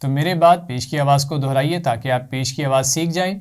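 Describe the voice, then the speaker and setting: A man teaching a children's Quran reading lesson, patient and clear, saying each sound slowly for the class to repeat. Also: medium pitch, a little mellow.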